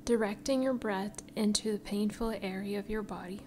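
Over background music, a meditation guide narrates slowly in a mid-range voice. She sounds soft and breathy, like a spa, soothing and unhurried, her words fading into whispers.

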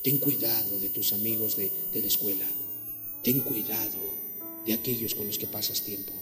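A man preaching a sermon, animated, acting out quarrels in a shrill voice. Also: moderate pace. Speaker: pastor. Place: church hall. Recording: echoey hall with faint music.

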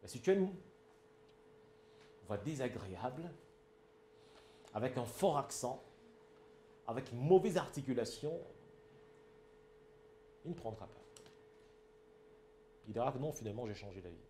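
A public speaking trainer with a Cameroonian French accent gives an emphatic instructional talk, often asking his listeners whether it is clear. His medium-pitched voice is sing-song and mellow, a little slow with long pauses, in a roomy space with slight background noise.

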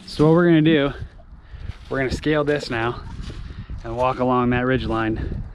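A man's voice: mid-range voice, moderate pace, noisy background. A young man casually narrating a hike outdoors in the woods, talking to a handheld action camera. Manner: relaxed, easygoing narration to camera. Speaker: vlogger. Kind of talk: casual hiking vlog chat. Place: outdoors in wooded lakeside hills.

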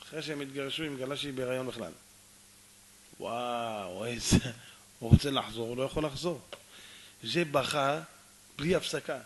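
Male rabbi preaching through a story, bright and sharp, lively delivery. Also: mid-range voice, pauses often. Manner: animated, addresses audience often, acts out dialogue. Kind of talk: storytelling sermon.

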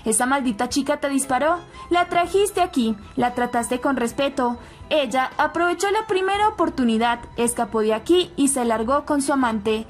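A woman's voice: sits high, normal speed, soft background music, close to an everyday voice. A woman reading out the lines of a scheming older grandmother in a recap, in a contemptuous, commanding tone. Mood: scornful. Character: scheming older grandmother, cold family matriarch. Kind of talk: recap narration voicing quotes.

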